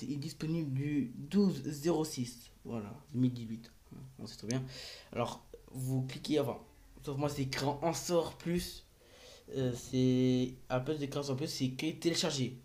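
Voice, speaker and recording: A man with a medium-pitched, slightly mellow voice hosts a casual gaming tutorial vlog recorded on his phone. He's hesitant and rambling, full of fillers and restarts.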